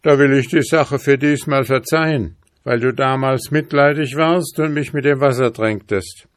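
A man's voice: mid-range voice, normal speed, no echo, clean studio sound, voice pushed up, lightly acted. A man doing an angry old hunter. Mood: threatening. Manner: angry, threatening.

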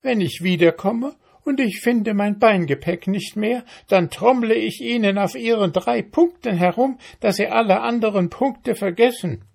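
A man's voice: high voice, vocal fry, a little mellow, voice pushed up. A man doing a bossy, pompous female ant. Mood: scolding. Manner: brisk, pompous, scolding.

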